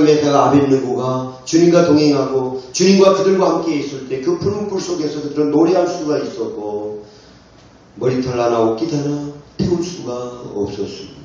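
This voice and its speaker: A man preaching a sermon to a congregation, asking them question after question with fervor. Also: mid-range voice. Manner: impassioned, rhetorical questions to the congregation. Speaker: pastor. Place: church sanctuary. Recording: echoey church hall, distant dull mic.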